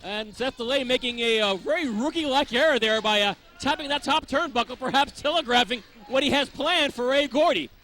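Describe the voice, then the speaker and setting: Bright, high-pitched male wrestling commentator. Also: brisk, hardly any pauses. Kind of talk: live sports commentary.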